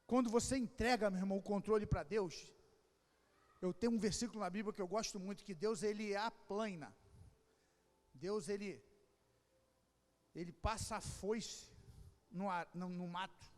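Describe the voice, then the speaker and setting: A man pastor preaching an impassioned sermon with a Rio de Janeiro accent, swinging between shouted calls and quiet asides. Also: high voice, normal speed, long pauses. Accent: Rio de Janeiro Portuguese. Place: church hall. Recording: long church hall reverb.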